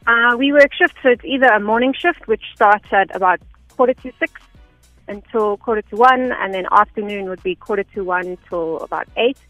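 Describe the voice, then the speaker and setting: With a mid-range, fairly bright voice at normal speed, a South African radio guest who works as an air traffic information officer explains things step by step, conversational and unpretentious. The audio has no room sound, its highs are cut off, and faint music sits underneath.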